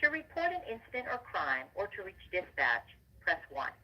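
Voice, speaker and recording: Recorded phone message: woman's lively, sing-song menu voice, muffled over the line. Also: mid-range voice, normal speed, breathy edge. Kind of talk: automated phone menu prompts.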